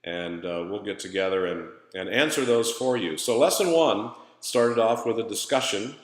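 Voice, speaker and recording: Male instructor, low-pitched voice, conversational lesson recap, halting delivery, strong hallway echo. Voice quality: hallway echo from an empty room. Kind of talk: informal recorded lesson recap. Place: empty room in a new place, indoors. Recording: echoey empty room, long reverb.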